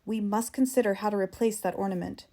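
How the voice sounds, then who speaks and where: A woman narrator plays a worried husband in an audiobook story, a practical clerk. The accent is standard American and the tone is mellow. He speaks with urgent insistence. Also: mid-range voice, steady tone, quick pace, natural voice. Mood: resolute. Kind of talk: audiobook character dialogue.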